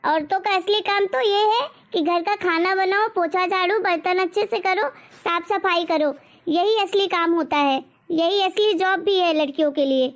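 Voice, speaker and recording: A woman's voice: very high voice, moderate pace. A woman voicing a strict, nagging middle-aged mother in a cartoon story, lecturing and scolding.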